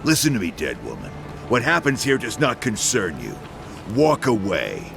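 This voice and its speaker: An actor playing a gruff, threatening gang leader in a video game, talking with open contempt. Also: male voice, fairly low pitch, wildly swooping pitch, moderate pace, over music, full character voice. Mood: menacing. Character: menacing gruff male gang boss, threatening.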